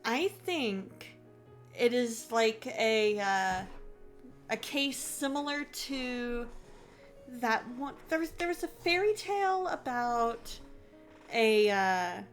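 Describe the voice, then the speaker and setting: A woman hosting a casual reaction commentary, expressive and musing aloud. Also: on the high side, slow pace, soft background music. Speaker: host.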